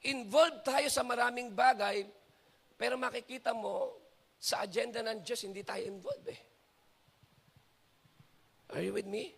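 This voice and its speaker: A Filipino man preaching a sermon, mixing Tagalog and English and putting questions to his congregation, building to shouted climaxes. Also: very high voice, unhurried, creaky, pauses often, slightly rough. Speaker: pastor.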